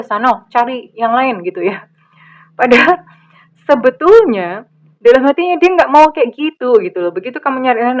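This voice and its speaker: A middle-aged woman giving a general tarot reading, chatty and animated, with many fillers. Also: fairly high pitch. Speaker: tarot reader. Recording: slightly dull lo-fi recording.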